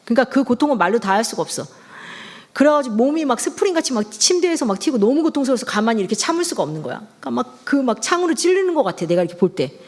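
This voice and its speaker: A woman's voice: on the high side, very animated, rapid-fire. A middle-aged woman preaching a sermon in a conversational, storytelling way. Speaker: pastor's wife preaching.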